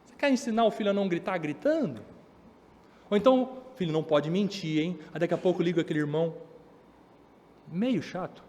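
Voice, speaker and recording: A man with a high voice preaches a sermon, his words carrying a long reverb through a church hall. He builds up emphasis as he goes and slips into the voices of children and parents to make his point. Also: lively intonation, fairly quick, pauses often, a little mellow, muffled recording, slight background noise. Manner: preaching with rising emphasis, acting out children's complaints. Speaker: pastor.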